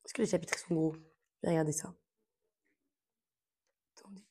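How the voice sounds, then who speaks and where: A young woman chats informally to camera, trailing off with fillers and slang. Her voice sits a little low, with a gravelly, husky, mellow grain. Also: steady tone, normal speed. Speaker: book vlogger. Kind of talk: casual chat to camera.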